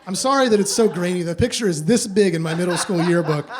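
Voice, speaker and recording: Crowd noise accompanies a man's high-pitched, fast voice as he hosts a live storytelling night in a small theater. He rambles casually, leaning heavily on fillers.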